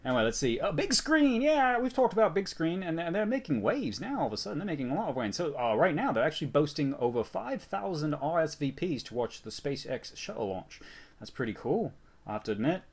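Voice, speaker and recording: A man's voice: fairly high pitch, big pitch swings, fast talker, darkish tone, slightly rough. A man hosting a casual news rundown while sick, rambling and mocking himself, with frequent restarts. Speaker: channel host.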